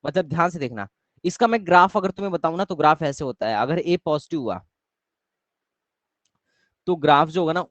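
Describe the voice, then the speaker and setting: A man's voice: fairly high pitch, no echo, lo-fi sound. Young man teaching math online. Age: young adult. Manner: keeps quizzing students, repeats questions. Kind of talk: live online class lecture.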